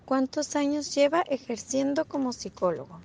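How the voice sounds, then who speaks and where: Una mujer que hace preguntas breves y formales de entrevista. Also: female voice, high voice, expressive, normal speed, gravelly, a little mellow. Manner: short, formal questions. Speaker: interviewer. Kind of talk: reading interview questions.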